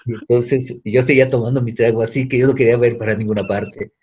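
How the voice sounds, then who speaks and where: A man's voice: medium pitch, quick pace, breathy edge. A middle-aged man, a guest, telling a long personal story in casual talk, acting out the voices of people he quotes. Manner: animated, acts out quoted voices.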